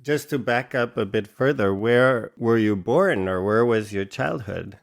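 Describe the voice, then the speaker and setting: A man hosting a podcast, asking curious, measured interview questions. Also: fairly low pitch, vocal fry. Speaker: podcast host.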